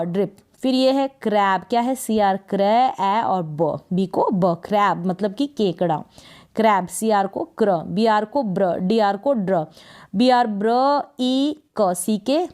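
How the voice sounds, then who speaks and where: A woman's voice: fairly high pitch, a little mellow. A woman teaching beginners to read English, sounding out letter blends and then asking and answering her own questions. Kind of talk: phonics lesson for beginners.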